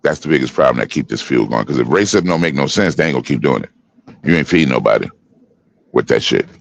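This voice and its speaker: A man in his fifties talking forcefully in a heated panel discussion, preaching in street slang. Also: a bass voice, animated, fast, vocal fry, dull audio. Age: 50s. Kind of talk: heated casual panel talk.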